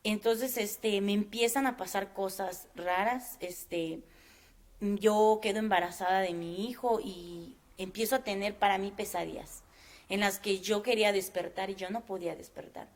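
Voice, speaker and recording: A woman giving a personal faith testimony in an interview, speaking earnestly and haltingly with many fillers. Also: medium pitch, steady tone.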